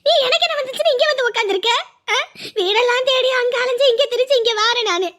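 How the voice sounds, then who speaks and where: A woman's voice: very high-pitched, fast, a bit bright. An actress playing an anxious older village mother who scolds and pleads through tears in a family drama. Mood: tearful scolding. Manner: pleading, tearful scolding with sighs.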